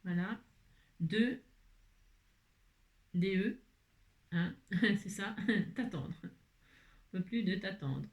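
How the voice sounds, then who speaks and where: A woman's voice: medium pitch, lively intonation, very slow, pauses often, darkish tone. A woman vlogging while making a card, chatting casually, muttering to herself as she works and laughing often at her own slips. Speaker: craft vlogger. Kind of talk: casual chat while crafting.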